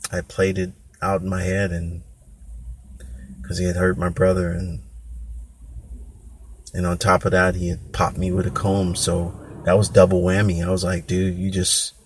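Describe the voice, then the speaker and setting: A man's voice: sits low, completely flat delivery, a little slow, long pauses, a little hiss or hum. A man hosting a podcast, telling a candid personal story in a rambling way, often acting out what people said. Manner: rambling, candid, with restarts and quoted voices. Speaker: podcast host.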